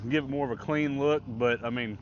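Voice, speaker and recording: A man's voice: mid-range voice, steady tone, a little fast. A man chatting casually and easygoing to camera as he works at a campsite in the open, out in windy conditions. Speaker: outdoor camping vlogger. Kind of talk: casual chat to camera while working. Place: outdoors in the open by a pond in gusty wind. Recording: dull, lo-fi outdoor camera audio.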